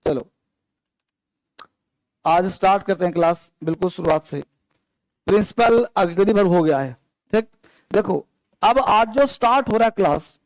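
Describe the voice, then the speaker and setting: A man's voice: high voice, no echo. A man teaching an English grammar class to students in a classroom, talking straight to them and asking the class questions as he explains. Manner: addresses students as children, asks the class questions. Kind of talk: classroom lecture. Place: classroom with students, also streamed online.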